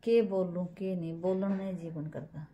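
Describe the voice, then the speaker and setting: A woman's voice: on the low side, fairly even intonation, normal speed, muffled recording. A middle-aged woman with a Haryanvi accent, chatting casually to camera at home as a family vlogger. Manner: chatty, rambling, homely. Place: at home, indoors. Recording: echoey room with loud background noise and passing vehicles.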